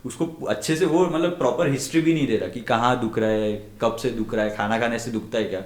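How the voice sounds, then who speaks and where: In an echoey room, a twenty-something podcast guest who works as a medical intern chats casually, telling stories, doing voices for his dialogue, and laughing frequently. His voice is mid-range, a little fast, and a little mellow.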